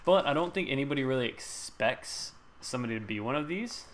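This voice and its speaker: A man's voice: mid-range voice, animated, fairly quick, a bit bright, a little hiss or hum. A young man, a gaming channel host, giving casual gameplay commentary, joking, laughing often and swearing freely.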